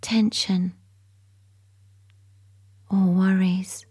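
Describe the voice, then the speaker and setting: Female narrator, soft ASMR whisper for a sleep story, slow and mellow, a bit breathy. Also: mid-range voice, level tone.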